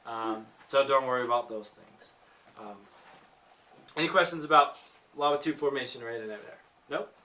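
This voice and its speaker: A man leads a group through a lava tube cave, his voice echoing as he explains things casually, quizzes the visitors, and throws in jokes. He speaks at a moderate pace with a medium-pitched, bright, forceful tone. The distant mic catches the cave's echo and a little background noise.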